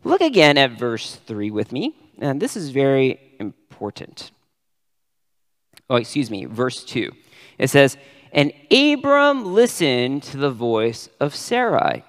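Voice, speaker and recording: Expressive man preaching in a reverberant hall. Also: medium pitch, takes it slowly. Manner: expressive, stresses key words with sudden rises. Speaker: pastor. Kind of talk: sermon.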